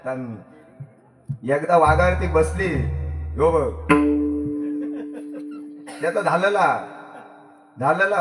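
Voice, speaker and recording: A man with a Malvani Marathi accent telling a comic story on stage, teasing and repeating his punchlines. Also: fairly high pitch. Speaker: bhajan singer and storyteller. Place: performance hall. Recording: echoey hall with faint music.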